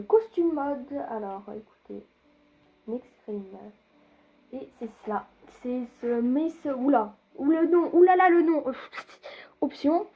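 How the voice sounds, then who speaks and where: A woman's voice: high-pitched, breathy edge, narrow, tinny audio. A young woman rambling through a casual gameplay commentary, talking straight to her viewers with lots of fillers and hesitations. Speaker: gaming video creator.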